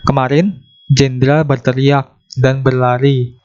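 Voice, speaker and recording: A man teaching an English exam-prep lesson. He explains each question step by step and slows down to read out the English answer options. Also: medium pitch, level tone, darkish tone, lo-fi sound.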